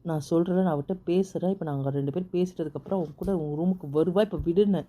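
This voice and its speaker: A woman voicing a protective older brother who keeps begging his sister and her husband to calm down, in an amateur audio drama. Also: lowish voice, fast talker, lightly acted. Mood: coaxing. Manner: soothing, pleading, keeps repeating calm down.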